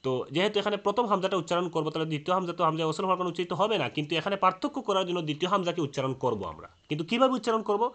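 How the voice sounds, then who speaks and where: A man's voice: sits high, animated, racing, few pauses, a bit bright. A man teaching a lesson on Quran recitation rules, explaining step by step with frequent "ah" fillers and restarts.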